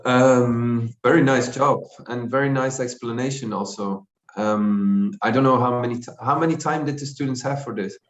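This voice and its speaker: A man speaking as a guest critic over a video call, weighing his words and pausing as he thinks. The call audio is dull and muffled. His voice rings with an echoey room sound. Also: medium pitch. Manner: measured, thinks aloud with pauses. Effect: heard over a video call. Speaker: guest critic, structural engineer. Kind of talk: giving feedback on a student project.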